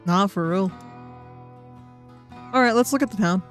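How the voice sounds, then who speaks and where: A woman casually commenting while playing a visual novel, excitable, reading on-screen text aloud. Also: medium pitch, unhurried, faint music behind.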